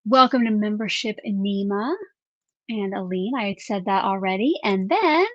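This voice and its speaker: An upbeat woman hosts a casual craft live stream and reads out viewer names and questions as she goes. Her voice sits in a middle pitch. The sound is dry and a little dull. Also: normal speed, fairly bright tone, dry recording.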